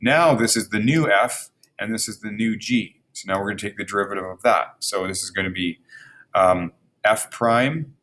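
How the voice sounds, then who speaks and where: A man with a fairly low voice teaches a recorded math lesson. He thinks out loud as he works, trips over his words, circles back, and calls his viewers friends. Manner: thinks aloud with fillers and restarts, addresses viewers as friends. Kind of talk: recorded math lesson, talking through slides.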